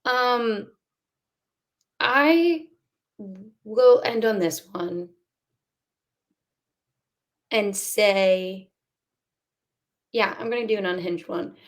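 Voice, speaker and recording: A woman's voice: medium pitch, extremely slow, long pauses. A woman co-hosting a podcast in casual chat, bubbly and enthusiastic, laughing often. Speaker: podcast co-host.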